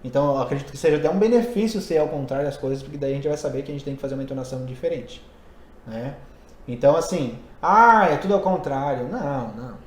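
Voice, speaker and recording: Talking rapidly in a mellow, mid-range voice, a man who teaches English and Portuguese hosts a relaxed podcast and reasons through ideas aloud. There's slight background noise and an echoey, roomy sound.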